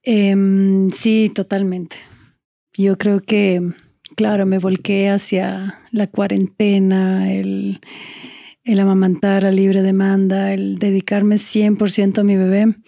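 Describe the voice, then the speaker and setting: A woman in her forties with a mellow, warm tone, talking candidly as a guest on a podcast. She is earnest and reflective, working her thoughts out in long sentences at an even middle pitch. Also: slow, gravelly. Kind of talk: candid conversational interview.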